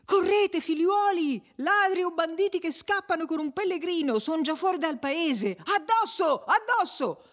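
A reader voicing an excited male villager shouting for the crowd to chase the fleeing men. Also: extremely high pitch, unhurried, few pauses, voice pushed up, heavily acted. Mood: rousing. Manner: shouting, rousing.

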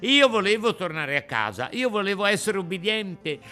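A shrill, whining wooden puppet boy, voiced by a man in a storybook reading, pitched far above an ordinary man's voice and loud with despair. His tone is bright and sharp, and he pleads and cries out over his troubles. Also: very animated, moderate pace, full character voice. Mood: pleading.

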